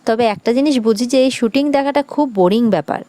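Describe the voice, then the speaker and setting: A woman's voice: a little high, quick pace, mellow, no room sound, close to an everyday voice. Woman voicing a fussy, doting companion. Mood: fussing, coaxing.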